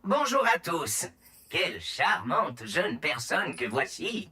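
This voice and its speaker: A woman's voice: on the low side, very animated, slow, sharp tone, heavily acted. A woman playing a theatrical, self-absorbed cartoon thespian who declaims grandly. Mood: melodramatic. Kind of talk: French animated cartoon acting.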